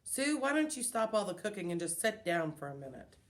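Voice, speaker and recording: A woman's voice: medium pitch, sing-song, a little fast, lightly acted. A woman reading aloud, voicing a grumpy old man in a wheelchair who sneers and complains.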